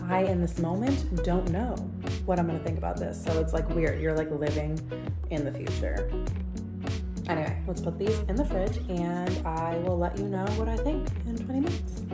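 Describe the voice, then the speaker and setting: A woman's voice: on the low side, animated, normal speed, echoey room, loud music behind the voice. A young woman in her twenties chatting casually to the camera in her kitchen while making food, bubbly and full of "you guys" and "like". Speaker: vlogger. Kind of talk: casual vlog chat. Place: home kitchen. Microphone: camera mic, then phone.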